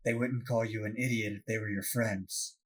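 A man's voice: fairly low pitch, fairly even intonation, moderate pace, natural voice. A man playing a small, sly male companion who insistently plants ideas in a brute's ear. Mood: scheming. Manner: insistent, scheming, plain-spoken.

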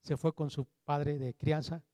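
A man giving an animated storytelling talk, acting out the dialogue in his stories and swinging between loud and hushed delivery. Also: a little high, a little slow. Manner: animated, acts out quoted dialogue. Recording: long hall reverb.

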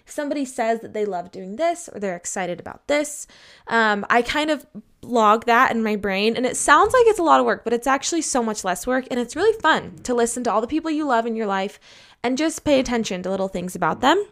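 Upbeat higher-voiced woman giving chatty advice. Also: lively intonation, fairly quick, fairly bright tone. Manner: candid, emphatic. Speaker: advice vlogger. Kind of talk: casual personal advice vlog talk.

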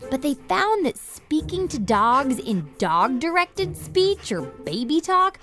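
Bubbly high-voiced woman host. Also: big pitch swings, slow, fairly bright tone, faint music behind. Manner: bubbly, jokey, teacherly. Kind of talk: playful kids' science show banter.

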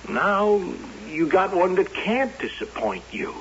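This actor voices a jittery carnival hand in a 1970s radio play, stammering and halting with unease, heard through a hissy, dull old broadcast. He pitches his full character voice high, very animated and fairly bright.

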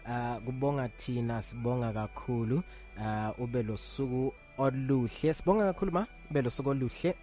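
A man with a Zimbabwean accent hosting live radio, speaking hesitantly with drawn-out filler sounds as he presents. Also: mid-range voice, warm tone, faint music behind. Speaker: radio host. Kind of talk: live radio presenting, reading listener questions.

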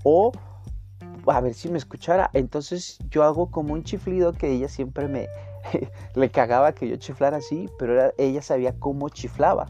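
A man's voice: on the high side, moderate pace, mellow, dull audio, soft background music. A young man with a Mexican accent tells a story in a casual, slangy way and acts out the dialogue as he goes.

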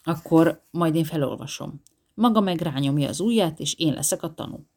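A sly male hustler leans in close and talks low and fast, selling his deal, as a narrator puts him on. His voice has a creaky, gravelly grain. It is an audiobook reading. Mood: urgent. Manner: hushed, urgent, wheedling. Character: pushy fast-talking male film agent.

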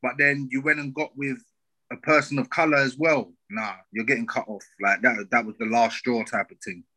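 Bright, forceful London roadman co-host. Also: mid-range voice, level tone, normal speed, low-quality recording. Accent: London, urban street. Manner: roadman slang, emphatic rhetorical questions. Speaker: podcast co-host. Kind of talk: casual opinionated chat.

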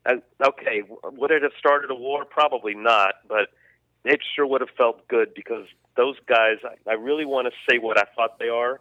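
A man's voice: mid-range voice, fairly even intonation, normal speed, no room sound. Opinionated man on a tinny line. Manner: opinionated, emphatic, restarts often. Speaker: podcast co-host. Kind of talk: casual history podcast chat. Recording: dry tinny phone-like line.

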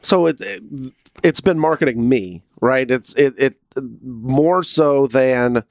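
A man's voice: medium pitch, lively intonation, takes it slowly, vocal fry, no echo, studio quality. A man being interviewed as a food entrepreneur, talking casually, restarting sentences and thinking aloud.

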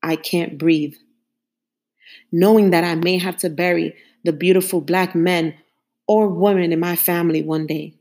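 Low-voiced woman, grave spoken word. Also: fairly even intonation, darkish tone. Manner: solemn, grave, measured with a repeated refrain. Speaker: podcast host.

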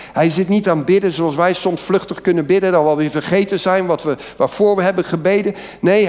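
A man preaching with fervent, rising emphasis, his voice sitting a little high for a man. The sound rings out in a church hall with a long reverb tail. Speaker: pastor. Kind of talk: sermon.

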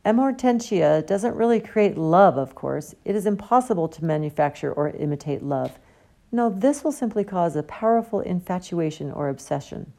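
A woman's voice: fairly low pitch, expressive, normal speed, creaky, dark tone. A woman voicing a genial, pompous older male potions teacher who talks theatrically.

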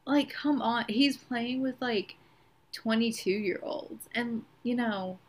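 A woman's voice: fairly high pitch, slow, husky. A young woman chatting casually and informally as a podcast co-host, often using "like" as a filler. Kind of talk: casual chat.

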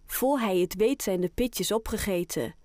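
A woman narrating a children's audiobook in a clear, gentle storytelling manner. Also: medium pitch, normal speed, no room sound, clean studio sound.

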